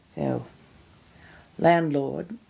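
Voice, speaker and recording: Extremely slow and creaky, her deep voice has a dark tone with a breathy edge. She hosts a relaxed livestream, welcoming viewers warmly with theatrical pet names while she eats and sips.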